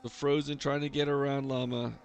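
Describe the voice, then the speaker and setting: A man's voice: mid-range voice, level tone, a little fast, slight background noise. A man giving live, casual motorsport commentary as a race commentator for an online league.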